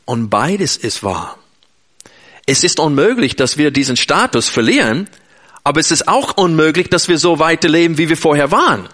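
A man's voice: a little high, expressive, brisk, a bit bright. A man preaching an earnest, emphatic sermon in German, speaking directly to his listeners.

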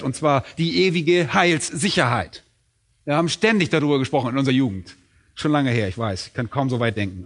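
A middle-aged man preaching a sermon, emphatic, asking questions and answering them himself. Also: fairly high pitch. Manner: emphatic, asks and answers his own questions.

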